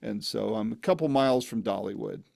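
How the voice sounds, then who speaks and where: A man's voice: on the low side, a little fast, creaky, darkish tone, dry recording, studio quality. A man chatting casually as an interviewer, talking in a loose, rambling way.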